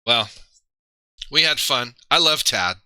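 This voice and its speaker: Rambly streamer guy talking to chat, super bright punchy voice, dry close mic. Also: medium pitch, animated, takes it slowly, smooth, no room sound. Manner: rambling, self-deprecating, trails off and restarts. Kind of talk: casual live-stream commentary.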